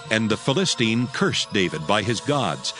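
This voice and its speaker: A man's voice: on the low side, big pitch swings, normal speed, sharp tone. A man narrating scripture as storyteller in a dramatized reading. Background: background music.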